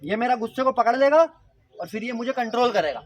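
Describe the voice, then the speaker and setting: A man's voice: extremely high pitch, lively intonation, fast talker, dull audio, heavy background noise. A man leading a mind-power workshop for school students, talking playfully and quizzing the audience with questions. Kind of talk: interactive talk to school students.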